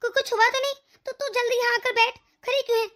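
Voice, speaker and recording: A woman's voice: very high voice, fairly even intonation, fast, a bit bright, pitched above the performer's own voice. A woman voicing a middle-aged mother-in-law in a cartoon who fusses over and soothes her daughter-in-law. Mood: fussing. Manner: fussing, coaxing. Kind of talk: cartoon voice acting.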